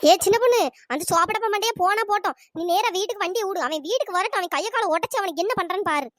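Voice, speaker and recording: A performer voicing a furious jealous wife in a cartoon, scolding and name-calling, with a pitch-shifted voice. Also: racing, a bit bright, no room sound, clean studio sound. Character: furious jealous wife chasing her cheating husband. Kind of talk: cartoon comedy voice acting.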